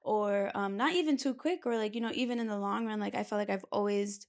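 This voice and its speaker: A woman's voice: mid-range voice, a little fast. A woman in her twenties, talking in a casual podcast chat, emotional and rambling with lots of fillers. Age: 20s. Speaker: podcast guest.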